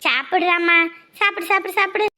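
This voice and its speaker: An actress playing a village grandmother, coaxing and gently scolding a child. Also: very high-pitched, fast talker. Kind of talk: village family drama.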